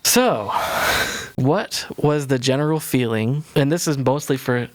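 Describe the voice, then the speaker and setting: A man's voice: medium pitch, a little slow, slight background noise. A man in his thirties hosting a casual podcast, reading a written intro aloud and tripping over long words. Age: 30s. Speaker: podcast host.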